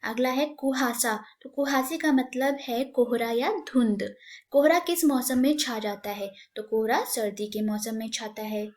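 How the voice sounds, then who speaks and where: Woman teacher doing an online class for little kids, patient, slips english words in, voice a bit high. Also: steady tone, unhurried, a little mellow. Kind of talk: online class lesson for young children.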